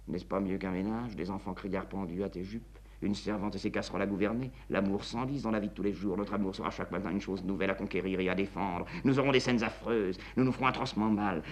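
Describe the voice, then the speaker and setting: A man reads a crafty older father hiding his identity, speaking low and hushed. His tone is wheedling and secretive, pitched under the reader's natural voice. It sounds like a one-man reading of a stage comedy. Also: close to an everyday voice. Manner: low, murmured delivery.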